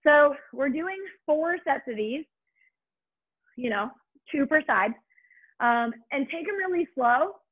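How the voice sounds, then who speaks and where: A woman with a breathy voice works as an aerobics instructor, leading a workout with upbeat, encouraging cues and urging commands. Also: high voice, animated, takes it slowly, long pauses, narrow, tinny audio. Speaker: fitness instructor and host.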